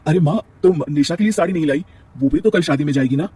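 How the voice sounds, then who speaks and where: A man voicing a gentle, patient young husband who speaks calmly. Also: fairly high pitch, fast talker, husky, dry recording, recorded from a distance. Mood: calm, hurt.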